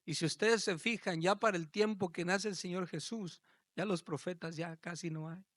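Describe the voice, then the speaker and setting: A man preaching a sermon as pastor, swelling from low talk to loud, shouted passages. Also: steady tone, moderate pace, no echo.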